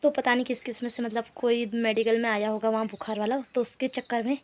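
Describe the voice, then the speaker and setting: A woman's voice: on the high side, flat delivery, fast talker, a little hiss or hum. Young village vlogger woman with a cold. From Uttarakhand hills, India. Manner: chatty, talks to her viewers and coos at her cats. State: has a cold and sore throat. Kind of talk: casual vlog chat.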